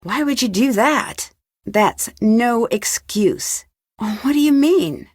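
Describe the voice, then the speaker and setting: Nancy Drew, high-voiced young American detective. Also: female voice, animated, slow, darkish tone, no room sound, clean studio sound. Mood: firm, accusing. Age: young adult. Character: young female amateur detective, polite, inquisitive, composed. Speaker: voice actress in a detective adventure game. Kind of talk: scripted game dialogue.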